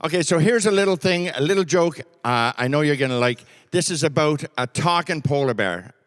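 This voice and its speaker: A man's voice: a little high, lively intonation, fairly quick, fairly bright tone, long reverb tail. A man telling a joke to an audience from a stage, in a folksy, playful storytelling way.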